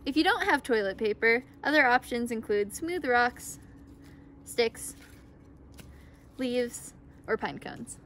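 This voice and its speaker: A young woman in her twenties giving a scripted outdoor skills lesson in a backyard, upbeat and playfully deadpan, recorded on a camera mic. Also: fairly high pitch, takes it slowly, long pauses, slight background noise. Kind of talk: scripted instructional video.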